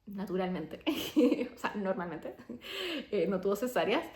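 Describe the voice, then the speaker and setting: A young adult woman and coach telling her personal story in a chatty, animated way, full of "o sea" and "como". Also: medium pitch, measured pace. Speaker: abundance coach and podcaster. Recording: roomy echo.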